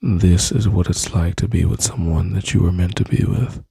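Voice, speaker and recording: Man, dark husky voice, intimate soothing whisper-talk, dry close mic. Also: sits low, fairly even intonation, normal speed, no echo. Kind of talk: soft-spoken ASMR comfort roleplay.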